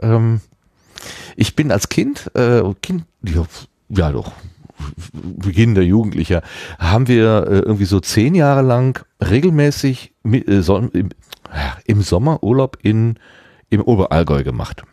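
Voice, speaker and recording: Man from the Ruhr area, low and lively, rambling casual chat, close and dry. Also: measured pace, no echo. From Ruhr area, Germany. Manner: rambling, self-deprecating, with many restarts and laughs. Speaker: conversation partner.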